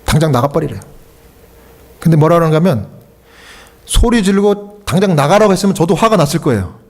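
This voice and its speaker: A man's voice: a little high, animated, brisk. A man speaking Korean, a pastor and hospice chaplain, telling a story in a conversational sermon and acting out the lines of the people in it. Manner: conversational, acts out quoted dialogue. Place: church sanctuary.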